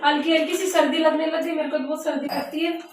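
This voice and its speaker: Mother-vlogger, woman, high bright voice, chatty and homely, recorded at home. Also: level tone, quick pace, a little hiss or hum. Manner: chatty, scolds children gently. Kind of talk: casual home vlog chat. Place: home indoors.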